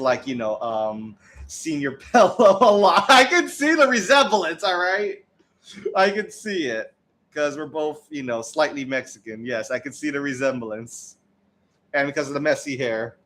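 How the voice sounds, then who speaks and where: This young man from the United States is a streamer talking casually on a livestream, rambling with many restarts and frequent laughter. He has a medium-pitched, fairly bright voice.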